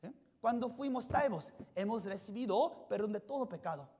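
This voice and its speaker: A pastor delivers a sermon in simple, halting sentences with restarts, repeatedly questioning the congregation and checking in with "yes?". The voice is medium in pitch, animated and somewhat dark in tone.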